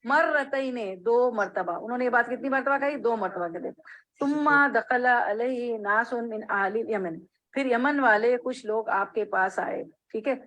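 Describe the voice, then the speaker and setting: Woman, religious teacher, hadith class, fairly high voice, explains phrase by phrase, checks in with students. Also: a bit bright, poor audio. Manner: reads Arabic then explains in Urdu phrase by phrase.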